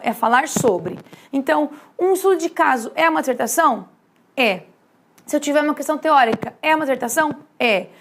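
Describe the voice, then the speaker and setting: A woman teaching a writing lesson in a lively way, often checking in with her students. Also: sits high. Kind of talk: classroom lesson at a whiteboard.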